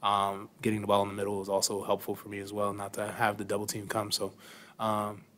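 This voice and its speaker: Relaxed young man at a press-room desk mic. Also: fairly low pitch, fairly quick, slight background noise. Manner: relaxed, thoughtful, many fillers. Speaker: basketball player at a postgame press conference. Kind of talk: press conference answers. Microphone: desk microphone.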